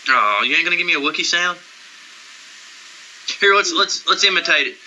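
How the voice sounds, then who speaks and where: A man's voice: a little high, expressive, fairly quick, pushed and bright, a little hiss or hum, rough recording. A man co-hosting a casual show, joking crudely and laughing often as he comments on a film trailer. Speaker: podcast co-host.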